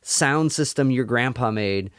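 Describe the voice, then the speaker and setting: A man hosting an interview, talking in an enthusiastic, halting way with many fillers. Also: medium pitch, clean tone, no room sound, clean studio sound. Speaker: interview host. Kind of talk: casual interview.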